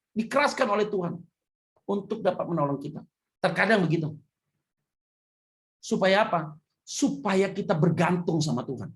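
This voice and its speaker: Dramatic woman preaching. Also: fairly high pitch. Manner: dramatic, swings between hushed and loud emphasis. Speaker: pastor. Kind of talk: sermon.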